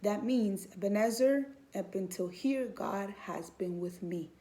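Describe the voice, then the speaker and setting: A Houston, Texas woman in her thirties, a student and mother, gives an earnest personal faith testimony, hesitating with many ums. Her mid-range voice is mellow and unhurried.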